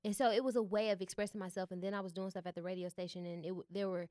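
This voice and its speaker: A woman's voice: mid-range voice, very fast, no echo. A young woman, chatting candidly as a guest in a studio interview, full of fillers. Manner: relaxed and candid, many fillers. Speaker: guest, artist and founder. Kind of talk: casual interview chat.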